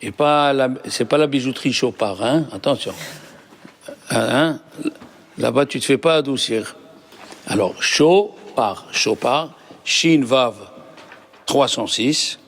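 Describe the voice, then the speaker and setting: A man, a rabbi, teaching a Torah class, asking the class questions and explaining patiently. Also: mid-range voice. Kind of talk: lively Torah lesson.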